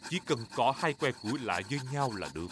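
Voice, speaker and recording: A man's voice: mid-range voice, animated, fast, noisy background, lightly acted. A man voicing a big, jolly, self-assured father pig in a Vietnamese cartoon dub, easygoing and reassuring. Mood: confident.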